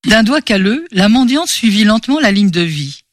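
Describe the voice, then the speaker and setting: A man narrating a novel in a measured, expressive way. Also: high voice, dry recording, studio quality. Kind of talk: scripted audiobook narration.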